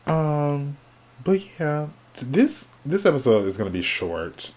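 A man hosting his own podcast alone, chatting casually and sassily from topic to topic, sounding sleepy and yawning, often trailing off into quiet mumbles. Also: on the high side, sing-song, unhurried, a little hiss or hum. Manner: chatty, sassy, drifting between topics. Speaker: podcast host. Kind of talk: casual solo podcast chat.

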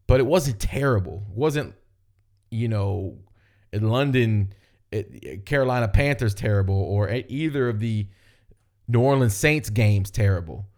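A man hosting a fan podcast, reacting to listener voicemails in a casual, energetic way with swearing. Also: on the low side. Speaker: podcast host.

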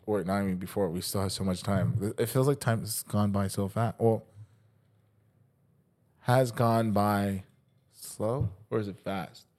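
A young man co-hosting a podcast as a fitness coach, rambling and swearing casually in relaxed chat, often saying "dude". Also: fairly low pitch, brisk, few pauses. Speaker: podcast co-host.

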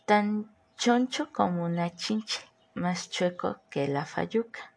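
This podcast host, a woman from Mexico, speaks slowly and expressively in a lowish, creaky voice, chatting casually and posing questions to her audience. Her Mexican Spanish accent is a mix of Mexico City, Morelos and northern Mexico.

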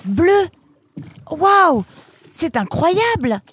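An excitable young male reporter from a children's audio story, as a woman reads him aloud, eager and a little clumsy. His voice jumps up high and loud whenever he is surprised or worried, tumbling out breathless. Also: measured pace. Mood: excited.

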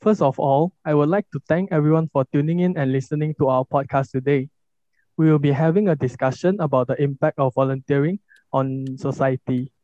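A young male podcast host moderates from a script, giving formal, orderly introductions and questions. His voice is on the high side, steady and dark in tone, a little fast, with no room sound in a dull lo-fi recording.

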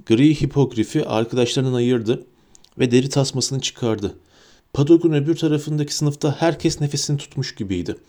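A man narrating a storybook in a steady, descriptive reading. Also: medium pitch, normal speed. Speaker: audiobook narrator.

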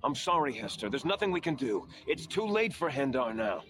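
A man's voice: medium pitch, sing-song, a little fast, a bit bright, faint music behind. A man playing a grim, anxious village gatekeeper in a video game, speaking with emphatic, dutiful formality. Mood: regretful. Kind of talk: video game character acting.

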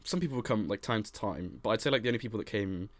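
Fast-talking young man, low voice. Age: young adult. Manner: fast, rambling, full of fillers and restarts. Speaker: podcast co-host. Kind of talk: casual chat.

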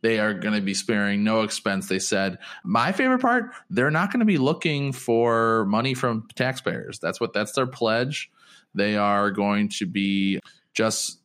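A man's voice: on the low side, animated, moderate pace, a bit bright. A man co-hosting a sports podcast, talking casually and rambling through news with frequent restarts. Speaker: podcast co-host.

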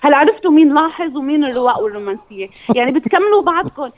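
Levantine arabic lady phoning a radio show, talks super fast n chatty, kinda muffled call. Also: high voice, lively intonation. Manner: chatty, effusive. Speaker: radio show listener calling in. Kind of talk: casual excited chat. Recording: dull lo-fi radio phone-in call.

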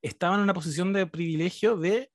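A man's voice: high-pitched, quick pace, no room sound, studio quality. A man with a Chilean Spanish accent in a casual podcast chat, joking and often correcting himself. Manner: lively, joking, self-correcting.

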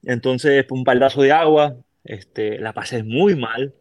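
A middle-aged man with a Puerto Rican Spanish accent tells a personal story on a podcast. His voice sits at an ordinary pitch, and he slips into the voices of the people in his story. The sound is dry and close, with no room echo. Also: measured pace, darkish tone, dull audio. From Puerto Rico. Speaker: podcast guest. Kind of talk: casual storytelling.

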